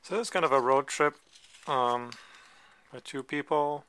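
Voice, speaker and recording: A man casually presenting a photo book he is paging through at a table, talking in a relaxed, hesitant way with many ums and side remarks. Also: medium pitch, unhurried, clean tone. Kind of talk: casual show-and-tell commentary. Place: indoors at a table, filming a book from above.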